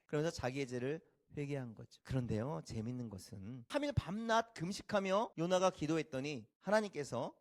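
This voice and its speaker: A man preaching a Sunday sermon in a high, animated voice that rises and falls widely. He puts questions to his congregation and acts out pleading prayers, then drops low to make his point. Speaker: pastor.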